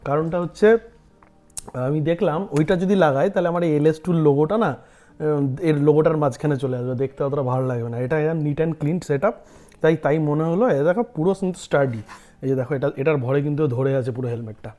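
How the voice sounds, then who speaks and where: This Indian vlogger and host gives a casual product review, explaining things directly to his viewers and sprinkling in English words. His voice runs fairly high and dark in tone, and he speaks quickly.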